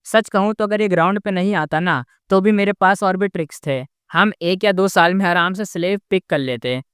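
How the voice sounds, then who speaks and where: A man's voice: high-pitched, normal speed, a bit bright, clear, resonant tone, no room sound, clean studio sound. A man doing a smug scheming schemer. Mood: gloating. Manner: gloating, mocking laughter.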